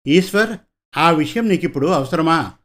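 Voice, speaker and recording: A man reading a story, voicing a young woman officer who speaks clearly and courteously. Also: a little high, lively intonation, moderate pace, fairly bright tone. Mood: scolding. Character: young woman block development officer, direct and polite. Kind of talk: audiobook character voice.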